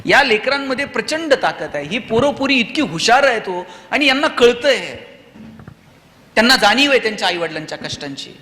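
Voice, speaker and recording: A man addresses a hall of students from the stage in an oratorical motivational speech, firing rhetorical questions at them. His voice sits high and bright. The hall around him adds a long, ringing reverb. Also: very animated, a little fast. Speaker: motivational speaker.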